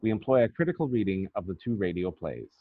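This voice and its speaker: An academic researcher reads his scripted paper aloud in a low voice, very animated and talking fast. The recording is dry, muffled and narrow-band.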